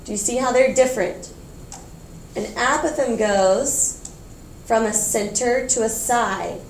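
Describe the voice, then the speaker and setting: A woman's voice: fairly high pitch, a little slow, slight background noise. A woman teaching a geometry class, explaining patiently, repeating key points and checking in with her students. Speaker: math teacher.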